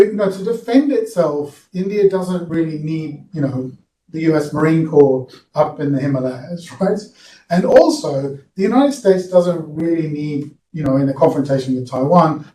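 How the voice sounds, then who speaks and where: A male professor answers questions from the floor in a loose, conversational manner. His voice is fairly high and mellow. He sounds distant from the mic in an echoey hall. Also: slight background noise. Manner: conversational, peppered with "you know" and "right?". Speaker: guest speaker, professor. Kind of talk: public lecture Q&A answer. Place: lecture hall at a public event. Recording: roomy hall, picked up from a distance.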